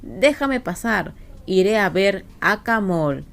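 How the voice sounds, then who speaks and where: A man's voice: high voice, animated, takes it slowly, vocal fry, fairly bright tone, full character voice. A woman voicing Kim, an anxious young man whose voice trembles. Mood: worried. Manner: shaky, pleading.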